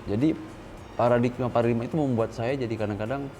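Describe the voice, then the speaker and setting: A man's voice: mid-range voice, fairly even intonation, fast talker, mellow, a little hiss or hum. A man in his thirties speaking candidly as an interview guest, earnest and dropping English words into his speech. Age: 30s. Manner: earnest, mixes English words, stressed rises when quoting others.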